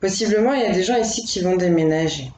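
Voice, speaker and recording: A woman doing a casual, spoken tarot reading as host, thinking aloud in a gentle, reassuring way. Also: fairly low pitch, animated, quick pace, roomy sound, poor audio. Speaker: tarot card reader.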